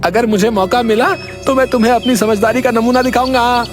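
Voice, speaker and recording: A voice actor playing a dim-witted, whiny village husband in a cartoon, talking in squeaky, drawn-out complaints. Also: steady tone, lightly acted. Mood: silly, whiny. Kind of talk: Hindi cartoon dubbing. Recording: background music under voice. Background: cartoon background music.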